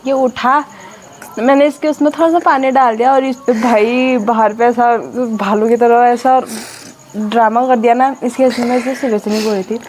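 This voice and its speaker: A woman's voice: on the high side, steady tone, moderate pace, darkish tone, slight background noise. A young woman chatting casually as a vlogger, talking along while she cooks and teasing family members playfully. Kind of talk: casual cooking vlog narration.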